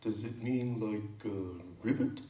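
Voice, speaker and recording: A man voicing a curious, eager young male frog puppet who talks playfully and gets excited. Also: on the low side, slow, echoey room, recorded from a distance, background noise. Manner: playful, stumbling over words, excitable.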